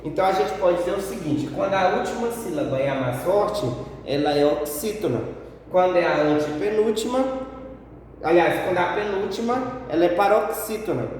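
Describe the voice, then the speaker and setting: A man's voice: high-pitched, lively intonation, a little mellow, recorded from a distance, slight background noise. A male teacher with a Brazilian accent giving a grammar review lesson, stretching out the syllables of example words and answering a pupil's question himself. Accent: Brazilian Portuguese. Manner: slow, drawn-out syllables for examples. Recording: echoey room, voice from off-mic.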